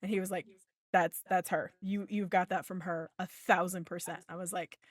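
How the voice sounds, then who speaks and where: A woman's voice: fairly low pitch, level tone, a little fast, no echo. A woman in her thirties hosting a podcast, telling a story in casual chat and acting out the back-and-forth dialogue with free swearing. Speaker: podcast host.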